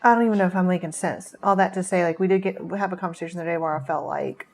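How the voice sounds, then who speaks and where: A woman's voice: on the low side, very fast, darkish tone. A woman co-hosting a podcast in casual chat, talkative and rambling, with frequent laughs. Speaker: podcast co-host.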